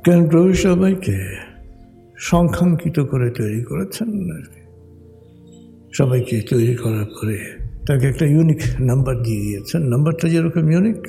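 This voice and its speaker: A man leading a guided meditation in slow, soothing, measured instructions with pauses. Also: on the high side, animated, gravelly, mellow. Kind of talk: guided meditation, hypnotic countdown. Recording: long hall reverb over music. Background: music.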